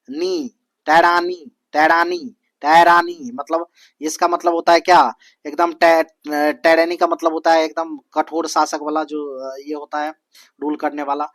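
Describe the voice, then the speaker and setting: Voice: mid-range voice, fairly bright tone, no echo. A coaching teacher lecturing on spelling, spelling words out letter by letter, repeating them and asking rhetorical questions. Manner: repetitive, drilling tone.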